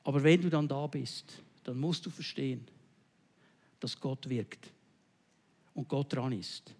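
A man preaching a sermon, swinging between loud emphatic lines and quiet low passages and often turning to the listener with short checking questions. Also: a little slow, breathy edge, in a large hall.

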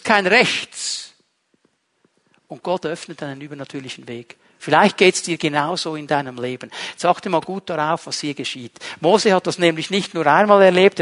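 A high-pitched man delivers a lively sermon. He throws rhetorical questions at his listeners and shifts between loud emphasis and quiet, hushed lines. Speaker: preacher.

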